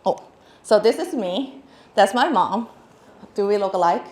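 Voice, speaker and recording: Speaking in a mid-range, animated and slightly mellow voice, she takes an unhurried pace through a casual stage talk. She's a woman in her thirties from Hong Kong with a Hong Kong accent, laughing and chatting with many fillers and restarts, recorded in an echoey hall with an audience.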